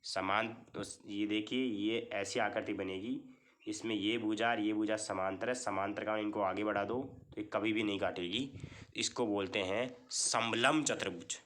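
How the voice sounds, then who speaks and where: A man's voice: lowish voice, fairly even intonation, a little slow, a bit bright. A man teaching a maths lesson in a classroom style. He explains step by step, keeps checking with the class and asks questions that he answers himself. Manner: explains step by step with many repeated checks like "theek hai".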